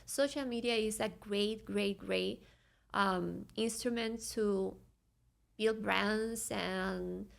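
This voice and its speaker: A woman's voice: mid-range voice, steady tone, slow, creaky. A woman from Venezuela with a Venezuelan Spanish accent, a podcast guest speaking earnestly and searching for words in English. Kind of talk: reflective conversational interview.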